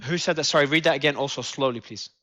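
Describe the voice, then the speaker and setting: A man hosting a live news panel discussion, talking haltingly with many fillers and restarts. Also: fairly high pitch, pushed and bright. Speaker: host.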